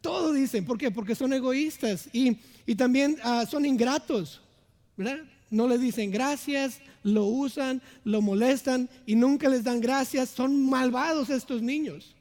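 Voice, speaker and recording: A man's voice: very high-pitched, unhurried, a little mellow. A young man, an assistant pastor, preaching an earnest sermon in a church and often asking his listeners to agree. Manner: earnest, asks the congregation "¿verdad?" often. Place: church sanctuary. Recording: long church hall reverb.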